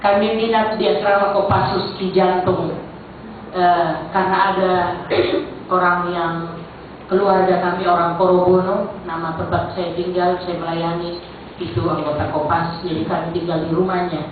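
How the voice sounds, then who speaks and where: A lowish, level voice at a moderate pace belongs to a middle-aged woman from Central Sulawesi, Indonesia, who chairs a church council. With a Sulawesi Indonesian accent she offers a conversational testimony, speaking directly to the congregation. A distant mic in the echoey church hall gives a phone-like sound with faint noise.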